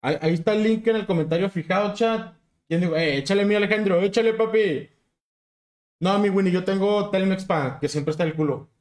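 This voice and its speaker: A man's voice: sits high, a little fast, darkish tone. A young man with a Mexican accent, streaming a game and chatting with viewers in a hyped, slangy way. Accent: Mexican Spanish. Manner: hyped, slangy, keeps urging chat. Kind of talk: casual livestream chat with viewers.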